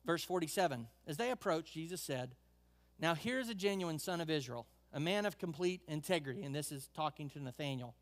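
A man's voice: on the high side, lively intonation, a little fast. A male pastor preaching a sermon in a conversational way, reading scripture and adding asides.

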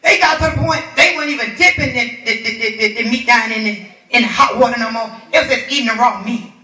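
High, bright-voiced woman preaching. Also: fast talker. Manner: animated, colloquial preaching with laughter and call-and-response. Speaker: minister. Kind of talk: sermon. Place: church. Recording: echoey room from far off.

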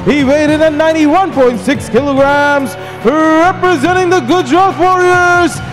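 A man working as a ring announcer, booming out formal, drawn-out fighter introductions and stretching the names. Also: low-quality recording. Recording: arena PA amid crowd and music.

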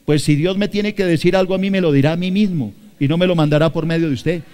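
Speaking fast in a slightly high, a little mellow and smooth voice, a Bogotá-accented Colombian pastor delivers an emphatic sermon. He addresses his congregation directly and repeats phrases.

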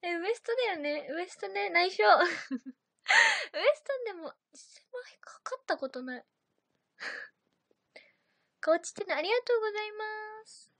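A woman's voice: extremely high pitch, animated, a little slow, long pauses, fairly bright tone, dry recording. A young woman chatting casually on a livestream, reading out viewer comments and giggling often. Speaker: idol livestream host.

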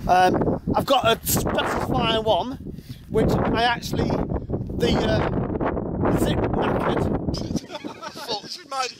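A man's voice: extremely high pitch, takes it slowly, long pauses. A middle-aged man, chatting casually and exclaiming as he films himself on a windy hilltop. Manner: chatty, exclaiming, laughing asides. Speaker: hiking vlogger. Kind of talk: casual outdoor vlog chat. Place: windy open hilltop outdoors. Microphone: handheld camera at arm's length. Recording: loud wind buffeting the mic.

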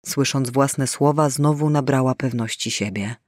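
A man's voice: mid-range voice, normal speed, darkish tone, no echo. Man narrating an audiobook, dry. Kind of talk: scripted narration.

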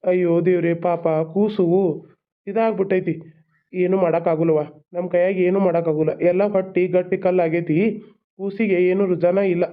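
A woman voicing a kindly village doctor who speaks gravely and soothingly, with a North Karnataka Kannada accent, in a cartoon serial. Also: fairly low pitch, fairly even intonation, fairly quick. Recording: lo-fi phone-like sound.

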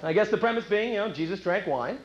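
Teasing his audience with rhetorical questions and cracking himself up, a man does a chatty stand-up set, talking fast with a high pitch and lively intonation. It's a muffled, echoey recording from a club with a lot of noise.

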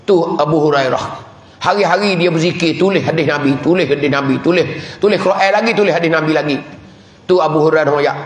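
A man with a Patani Malay accent, a religious teacher giving a village mosque sermon, telling stories with chuckles and chanting prayers. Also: on the high side. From southern Thailand. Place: mosque hall. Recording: echoey hall from a distance.

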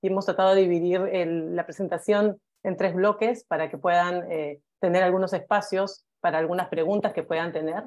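A woman in her forties, a guest editor, presenting to students over a video call in a relaxed, friendly way. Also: lowish voice, fairly quick, few pauses. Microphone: video call with earphones.

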